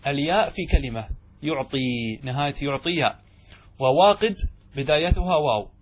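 A man's voice: on the high side, animated, moderate pace, husky. A middle-aged man teaching classical grammar, explaining step by step and answering his own questions. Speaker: sheikh teaching Arabic grammar.

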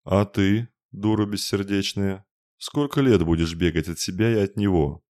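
A man's voice: sits low, moderate pace, a little mellow, lightly acted. A man voicing a stern, motherly female spirit who scolds everyone. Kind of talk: audiobook narration.

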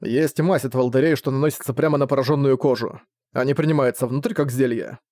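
An irritable young magic student answers in short, dismissive bursts, voiced by a male audiobook reader. The voice sits at an ordinary middle pitch, recorded dry and close. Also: fairly even intonation, a little fast, a little mellow, no room sound, natural voice. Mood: curt. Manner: curt, snappish, dismissive.

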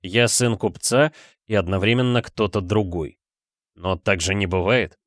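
A man reading a first-person story aloud in steady audiobook narration. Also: lowish voice, unhurried, no room sound, studio quality.

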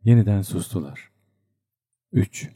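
A man reads a literary novel aloud in a measured, even manner. His voice is low and notably dark and mellow. The recording is dry and close. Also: husky, no echo. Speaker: audiobook narrator. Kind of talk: literary audiobook narration.

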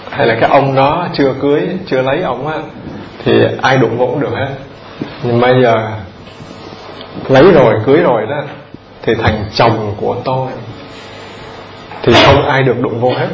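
A Buddhist monk giving a conversational dharma talk, repeating words and putting questions straight to his listeners. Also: medium pitch. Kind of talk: dharma talk to a lay audience. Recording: roomy, dull lo-fi recording with audience.

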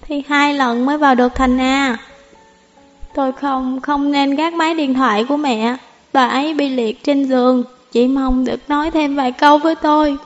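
A woman's voice: high-pitched, fairly even intonation, moderate pace, long reverb tail, lightly acted. A woman voicing a drunk, heartbroken young woman who rambles tearfully, over faint music. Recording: slightly dull audio, faint music.

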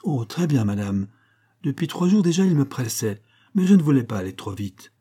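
A man voicing a calm, scheming young female maid, politely deferential and matter-of-fact. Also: mid-range voice, moderate pace, husky. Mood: assured.

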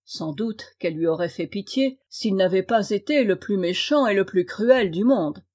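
A woman reading a classic fairy tale aloud in an expressive, measured way. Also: mid-range voice. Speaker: storyteller.

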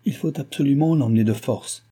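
A stern older doctor, kindly at heart yet impatient, who lectures a young woman in a raised voice, voiced by a male reader. His tone is dark and slightly husky. The delivery is firm and reproving. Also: mid-range voice, a little fast, voice pushed up, close to an everyday voice. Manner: stern, admonishing.

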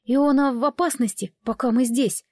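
A woman's voice: high voice, steady tone, normal speed, darkish tone, no room sound, pitched above the performer's own voice. A woman reading an audiobook, voicing a frightened, tearful young boy with a trembling voice. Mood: earnest.

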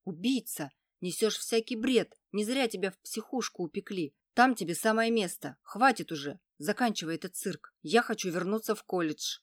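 A defiant teenage boy, raised in pitch and loud with hostility and suspicion, as the audiobook reader puts him on. The sound is dry and close-miked. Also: lively intonation, moderate pace, hardly any pauses, no room sound, lightly acted. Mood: furious. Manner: shouting, hostile. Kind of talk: audiobook reading.

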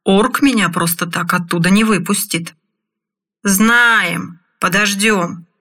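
A woman voicing a rough male convict brigade leader who talks in an eager, colloquial way in an audiobook. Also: medium pitch, takes it slowly, pushed and bright.

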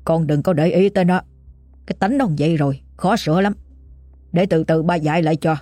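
A woman's voice: fairly low pitch, expressive, fast, darkish tone, breathy edge, dry recording, clean studio sound. A woman voicing a stern, commanding aging father, giving curt orders. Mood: calm.

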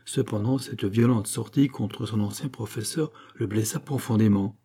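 A man reads a classic novel aloud in a calm, measured narration. His voice is mellow and warm with a husky edge. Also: on the low side. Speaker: audiobook narrator. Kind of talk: scripted narration.

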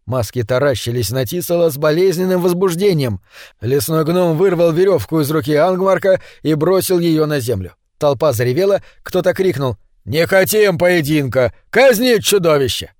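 A man reading an audiobook as narrator in an even storytelling manner. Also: fairly high pitch, moderate pace, no room sound, clean studio sound.

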